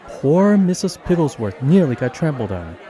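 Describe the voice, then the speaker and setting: A man narrating an animated children's story, reading in an animated, expressive way. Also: a little high, moderate pace, some chatter behind. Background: background music.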